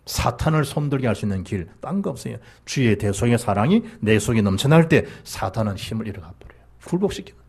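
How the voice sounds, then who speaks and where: A male pastor with a Gyeongsang Korean accent, preaching a sermon in an animated manner that rises to emphatic peaks and drops low. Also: a little fast, hardly any pauses, husky. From South Gyeongsang, South Korea.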